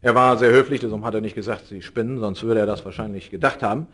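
A middle-aged man preaching a sermon in an earnest way, his voice rising and falling, and slowing down on key words. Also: steady tone. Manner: earnest, rises and drops in pitch and loudness.

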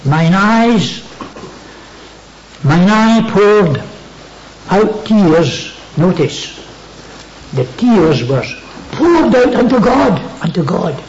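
A man's voice: sits high, sing-song, very slow, pauses often, roomy sound, lo-fi sound, slight background noise. A man preaching a sermon, dwelling on key words and repeating them for emphasis.

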